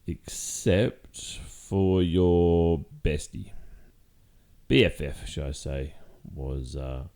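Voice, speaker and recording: A man playing a guilty boyfriend in an ASMR role-play, speaking haltingly and carefully with long pauses. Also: sits low, mellow, heavily acted. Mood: halting, uneasy. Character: hesitant guilty boyfriend confessing, soft and careful.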